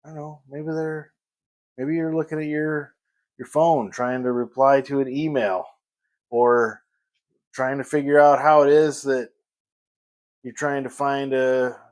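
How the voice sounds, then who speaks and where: A man vlogging a casual morning chat at home, rambling and pausing to search for the right word. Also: medium pitch, level tone. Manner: rambling, pauses to search for words.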